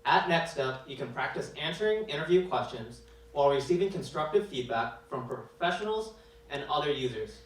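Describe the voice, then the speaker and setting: A man gives a scripted presentation with a proud tone. His voice is a little high. He sounds distant, with strong echo from a large hall. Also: expressive, moderate pace. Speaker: presenting developer. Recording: echoey hall mic from a distance.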